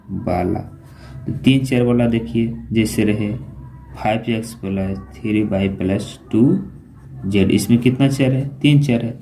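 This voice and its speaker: Slow, low-toned math teacher. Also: male voice, warm tone, slight background noise. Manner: asks questions and answers them himself, repeats key terms. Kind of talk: classroom-style lesson explanation.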